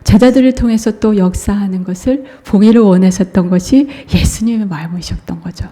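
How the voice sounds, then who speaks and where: A woman preacher delivers a Sunday sermon in a church, her voice mellow and warm. She tells the scripture story in a lively, conversational way, acting out the dialogue and chuckling along. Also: medium pitch, a little fast. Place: church sanctuary.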